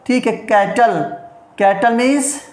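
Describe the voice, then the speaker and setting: Speaking slowly and steadily in an extremely high pitch, a man teaches basic English in a reverberant space. He covers word sounds and meanings through repeated questions and answers, offering his students encouragement, promises and blessings.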